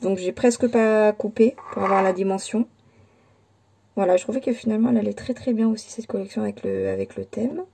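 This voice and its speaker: Dark-voiced woman showing her scrapbook. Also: mid-range voice, sing-song, fairly quick, vocal fry, husky. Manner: hesitant, many fillers and restarts. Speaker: scrapbooking channel host. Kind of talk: casual crafting show-and-tell.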